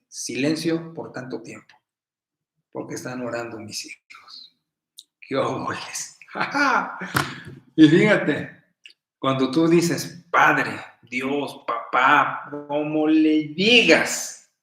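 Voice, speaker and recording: A middle-aged man with a Mexican accent preaching a sermon in a folksy, storytelling way, with sudden bursts of loud emphasis. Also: on the high side. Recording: roomy echo.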